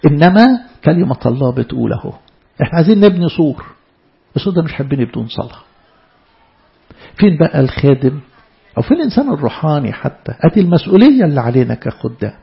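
A man's voice: fairly high pitch, big pitch swings, very fast, gravelly, long pauses, lo-fi sound. A man with an Egyptian accent preaching a sermon to church servants, emphatic, often repeating and stumbling over words. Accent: Egyptian Arabic.

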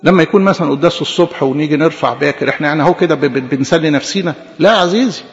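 An Egyptian man preaches a sermon in a high, gravelly voice at a quick clip, acting out little back-and-forth exchanges and hammering words by repeating them. The sound is dull and lo-fi, carrying the long echo of a church hall. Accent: Egyptian Arabic. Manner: animated, acts out quick imagined dialogues, repeats words for emphasis. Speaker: priest.

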